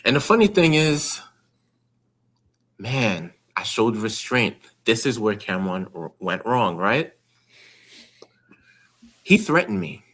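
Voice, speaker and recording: A man's voice: lowish voice, very animated, slow, long pauses, fairly bright tone. A man hosting a podcast in casual conversation. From New York. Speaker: podcast host. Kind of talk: casual chat.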